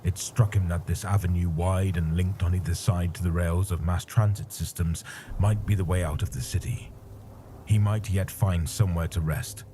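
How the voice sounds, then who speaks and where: A man narrating a story in a measured, grave manner. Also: low-pitched, steady tone, warm tone, slight background noise. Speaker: audiobook narrator. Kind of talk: scripted narration.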